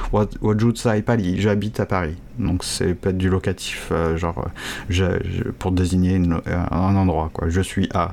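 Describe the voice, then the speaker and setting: A man with a fairly low voice talks through a casual language lesson. He speaks haltingly, restarts often and drops in some slang. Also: darkish tone. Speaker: Chinese language teacher.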